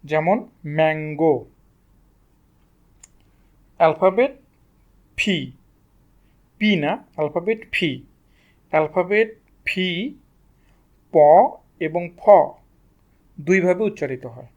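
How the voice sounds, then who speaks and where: A man's voice: fairly high pitch, slow pace, pauses often, highs cut off. A man teaching English pronunciation to students, asking questions and answering them himself. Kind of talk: explaining lesson to students.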